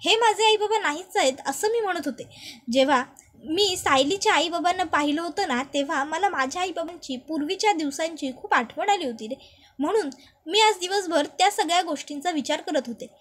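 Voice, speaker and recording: A young wife with something to hide, chatty on the surface and quick to turn defensive, as a woman storyteller puts her on. Her voice is high and her replies come fast and sharp in a spoken retelling. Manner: defensive, quick to snap back.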